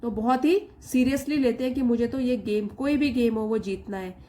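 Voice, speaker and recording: A woman teaching an English reading lesson, reading English slowly word by word and explaining each part briskly. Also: fairly high pitch, warm tone.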